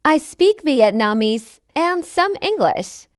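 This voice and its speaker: A woman reading a friendly learner's part in a scripted practice dialogue for English learners, speaking slowly and carefully enunciating each line. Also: high voice, sing-song, no room sound, clean studio sound, heavily acted. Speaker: dialogue reader.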